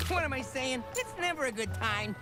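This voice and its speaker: An actor with a New York accent voicing a grumpy, hurried male city pony in a cartoon, sounding brash and gruff. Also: extremely high pitch, lively intonation. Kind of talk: cartoon voice acting. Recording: music under the dialogue.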